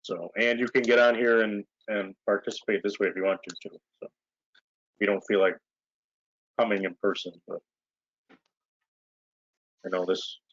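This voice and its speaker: Low-voiced mayor, rambling and relaxed. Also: male voice, moderate pace, pauses often, no echo. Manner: relaxed, rambling with many fillers. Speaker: village mayor chairing board meeting. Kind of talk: casual meeting talk. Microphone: video call. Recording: muffled lo-fi video call audio.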